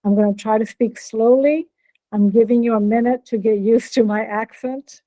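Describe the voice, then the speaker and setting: Speaking at a normal speed, a professor with an American accent gives a friendly keynote talk over a video call, checking in with her listeners. She was born in Norway and raised in Brazil, and her fairly high, steady, mellow voice is captured by a computer mic with no room sound and poor audio.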